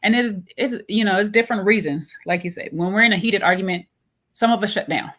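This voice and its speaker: A woman co-hosting a casual chat, animated and laughing often, acting out both sides of an argument. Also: mid-range voice, fast talker. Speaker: co-host.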